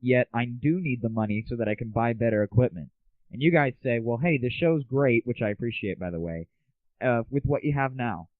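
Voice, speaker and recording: With a medium-pitched, lively voice and a brisk pace, the man runs his casual one-person show in a self-deprecating, informal manner. There's no echo, but the faulty cheap home microphone gives a tinny, lo-fi sound.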